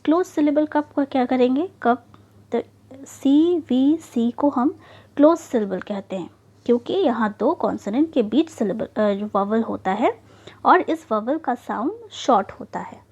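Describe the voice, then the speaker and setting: A woman teaching English syllables in an online lesson, often checking in with "okay" and "right", and drawing out example words slowly. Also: high-pitched, animated, a little mellow, breathy edge. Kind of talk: online lesson explaining slides.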